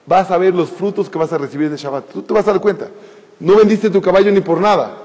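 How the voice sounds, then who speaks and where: A man telling a sermon story, animated and speaking directly to his listeners. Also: high-pitched, quick pace. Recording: dull sound with long hall reverb.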